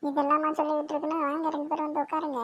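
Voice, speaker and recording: A woman's voice: sits high, monotone, rapid-fire, a bit bright, dull audio. A woman voicing a fussy, scolding elderly grandmother in a cartoon. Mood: chatty. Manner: scolding, grumbling. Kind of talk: cartoon voice acting.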